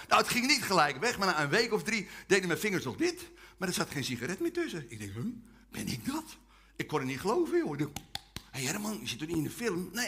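A man delivers a testimony sermon full of jokes. His voice sits high and bright, and his pitch swings widely as he leads the crowd in chants. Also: breathy edge. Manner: humorous, animated, leads call-and-response chants. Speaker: preacher. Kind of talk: testimony sermon to a live audience.

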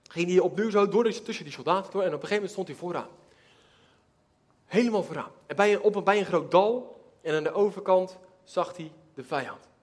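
Animated high-voiced male preacher. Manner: animated, acts out characters, laughs while telling. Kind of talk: storytelling sermon.

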